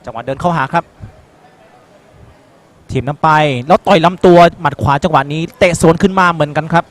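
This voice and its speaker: High-pitched man calling a live fight. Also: brisk. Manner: exclaims often, narrates blow by blow. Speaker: sports commentator at a Muay Thai broadcast. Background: music.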